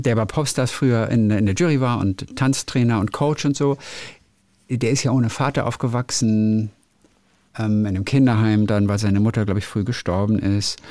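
A man's voice: medium pitch, a little mellow, no echo. A man, a radio host, chatting casually on a call and explaining how words are pronounced, with many fillers. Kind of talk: casual phone chat.

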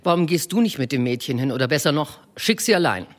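A woman's voice: sits low, lively intonation, fast. A woman reading as a dry, detached husband. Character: dry, unbothered middle-aged husband. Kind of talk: audiobook reading.

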